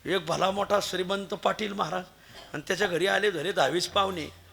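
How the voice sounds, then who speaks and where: A man preaching a devotional kirtan sermon, his high voice bright and gravelly. He tells stories with animated swings between loud exclamations and quiet asides. Faint music plays behind him. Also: brisk.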